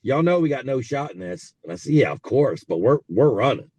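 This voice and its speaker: A man's voice: mid-range voice, very animated, a little fast, a little mellow. A man in his forties with a Texan accent, telling stories casually as an interview guest over a car speakerphone while driving. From South Texas. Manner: easygoing, rambling, frequent fillers. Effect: talking on a car speakerphone while driving. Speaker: interview guest, racehorse owner. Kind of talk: casual storytelling over a phone call.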